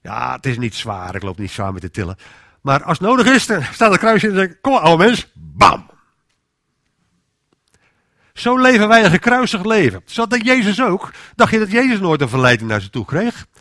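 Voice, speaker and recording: A man's voice: high voice, big pitch swings, brisk, sharp tone, no echo, studio quality. A man giving an informal sermon in a conversational way, often restarting his sentences and acting out inner voices. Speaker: preacher.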